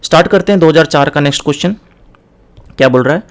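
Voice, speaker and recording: Young male exam tutor with a slightly high voice who code-switches in a relaxed lecture style and reads questions deliberately. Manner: mixes Hindi and English, reads questions slowly and deliberately. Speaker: exam prep teacher.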